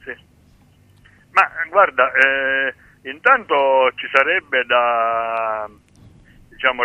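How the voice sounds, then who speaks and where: A man's voice: medium pitch, clean tone, no echo. Man, over the phone, tinny narrow line, dry sound, hesitant, explanatory, radio guest. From Sicily. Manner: hesitant, many fillers and restarts, explanatory. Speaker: guest activist.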